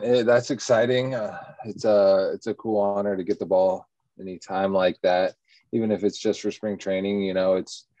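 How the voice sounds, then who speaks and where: A man, a baseball pitcher answering interview questions in an easygoing, rambling way. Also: mellow, no echo. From Texas, USA. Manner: easygoing, rambling, many ums and you-knows. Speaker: professional baseball pitcher, guest. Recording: dull, muffled lo-fi sound.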